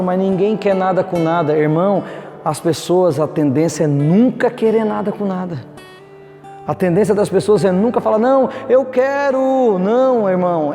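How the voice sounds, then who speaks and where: A man from Brazil preaching to cell group leaders, fervent and full of restarts, acting out the objections of his listeners. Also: high voice. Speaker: pastor. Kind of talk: teaching sermon to cell leaders. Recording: echoey room with long reverb, soft guitar behind.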